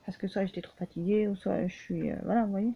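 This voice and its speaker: A woman's voice: mid-range voice, fairly even intonation, creaky, slightly rough. Tired-sounding woman, tinny phone audio. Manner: halting, many restarts and fillers, frequent "voilà". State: often tired and short of breath. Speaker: vlogger. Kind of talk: casual personal vlog.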